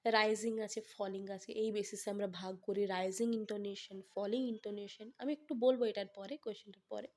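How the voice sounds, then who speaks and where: A woman's voice: mid-range voice, steady tone, darkish tone. Woman teacher with a Bengali accent. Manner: reads English lines slowly, then explains briskly with check-ins. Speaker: exam-prep teacher. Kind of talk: exam-prep lesson, explaining in Bengali mixed with English.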